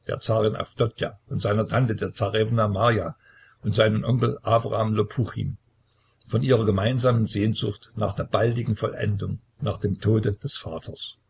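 A man reading a historical novel aloud as an audiobook narrator, measured and solemn, with a husky, creaky voice. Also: on the low side, steady tone, a little hiss or hum.

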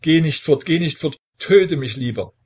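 Man doing a scared young prince, husky, high, begging, stammering, storybook. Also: fairly even intonation, a little slow, a little mellow. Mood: pleading. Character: terrified young prince, trembling, pleading son. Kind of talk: audiobook character voice.

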